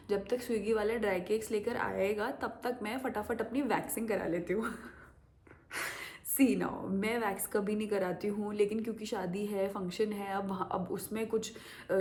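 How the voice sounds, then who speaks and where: A young woman telling a story casually to camera as a vlogger, acting out the voices of the people in it. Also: medium pitch. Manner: animated, acts out quoted voices.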